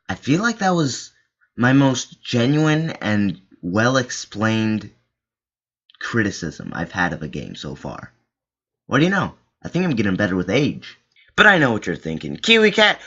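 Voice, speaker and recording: A man's voice: fairly low pitch, fairly bright tone. A man giving a casual, rambling video game review with a sarcastic, joking manner.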